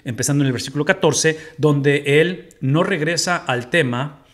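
A middle-aged Mexican man with a Mexican Spanish accent leads a Bible study from a room in his home, animated and gesturing as he teaches. His fairly high voice moves at a normal speed, and he poses rhetorical questions to his listeners.

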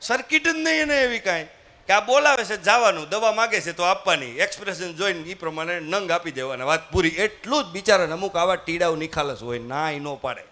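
A man's voice: sits high, expressive, brisk, bright, forceful tone. A man telling a folksy story at a live motivational talk, acting out characters and prompting the audience to answer. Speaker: motivational speaker.

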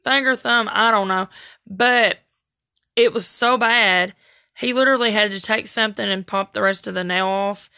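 A woman's voice: mid-range voice, moderate pace, bright, forceful tone, no echo, studio quality. A middle-aged mother chatting casually with her daughter at home, playful and teasing as she cheers her on. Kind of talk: casual chat.

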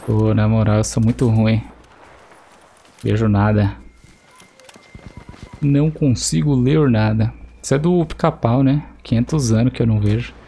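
A man's voice: mid-range voice, unhurried, long pauses, mellow, husky. A young Brazilian man with a Brazilian Portuguese accent, joking and swearing casually as he streams gameplay and talks to teammates. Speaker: gaming streamer. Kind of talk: casual live gameplay commentary. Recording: faint game noise behind.

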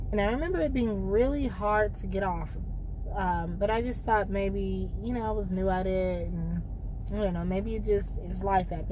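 Raspy young woman chatting in a car. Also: mid-range voice, background noise. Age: young adult. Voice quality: raspy, hoarse smoker-like rasp. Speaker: vlogger reviewing beauty products. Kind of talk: casual chat to camera. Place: inside a parked car.

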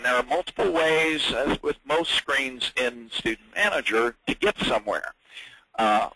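A man training users in a software webinar, chatty and halting, with many fillers and restarts. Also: medium pitch, husky, no echo, low-quality recording. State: hiccups.

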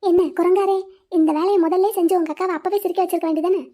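A woman's voice: extremely high pitch, fairly even intonation, racing, dark tone. A woman voicing a chatty, fussing young sister-in-law in a cartoon, with a sing-song, cheeky way of talking. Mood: mocking. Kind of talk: Tamil cartoon voice acting.

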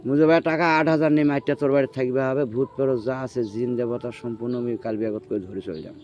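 A muffled, noisy field recording catches a man speaking a rural northern Bengali dialect as he tells a story from his own life in casual conversation. He talks fast with a steady, mid-range, slightly mellow voice, acting out the dialogue and making sure the listener keeps up.

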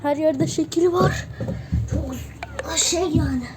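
A woman's voice: high-pitched, takes it slowly. A woman chatting to her viewers as a host, her voice echoing as if inside a cave. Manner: talks to viewers while playing. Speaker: video host. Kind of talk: chatty running commentary to viewers. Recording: loud background noise.

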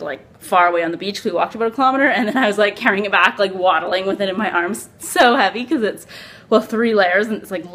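Her voice is medium-pitched with a fairly bright tone: a young woman from Canada making a casual, chatty holiday vlog in her hotel room. She rambles upbeat with lots of "like" and "um," talking into a handheld phone camera at arm's length.

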